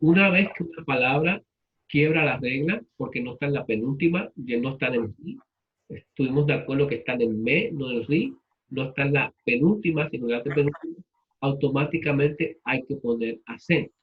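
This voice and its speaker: A man's voice: mid-range voice, animated, a little fast, phone-quality sound. A man teaching a class, repeating students' answers and asking them questions in turn. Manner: patient, repeats answers back and asks questions.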